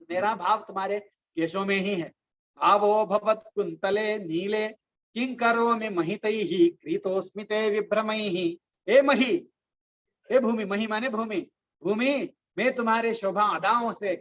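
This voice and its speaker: Slowly chanting verses, a man with a high-pitched voice delivers a devotional discourse as a religious teacher, unpacking each one with lively stories.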